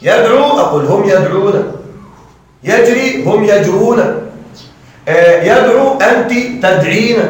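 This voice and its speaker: A man teaching Arabic grammar to a class, often checking that students follow and repeating examples slowly. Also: high voice. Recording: very echoey room, mic far off.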